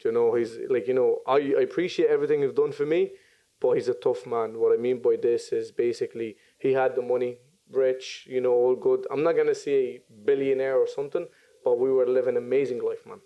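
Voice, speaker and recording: A man in his twenties from Syria, chatting as a podcast guest and often pausing with ums and restarts. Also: mid-range voice, fairly even intonation, warm tone. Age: 20s. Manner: hesitant, many ums and restarts. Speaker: podcast guest, business owner. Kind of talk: casual interview chat.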